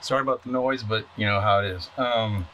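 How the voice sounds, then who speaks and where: An electronics repair hobbyist hosts a video, talking casually and off the cuff as he works with his hands, muttering and answering his own questions. His voice is fairly low and a little fast, with a sharp tone. The recording is low quality, with clear background noise of clicking and clatter.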